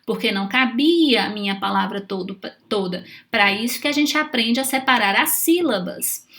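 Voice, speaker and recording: Woman, teacher, high voice, patient, checks in with the kids after each step. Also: fairly bright tone. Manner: patient, checks in often with questions. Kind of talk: children's writing lesson.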